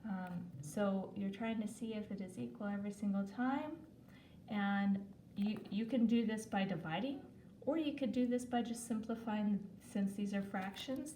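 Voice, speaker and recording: Lady math teacher talking slow and chatty, kinda far from the mic in an echoey room w/ faint hum. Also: medium pitch, dark tone. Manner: chatty, talks while writing, self-corrects. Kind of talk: recorded video lesson.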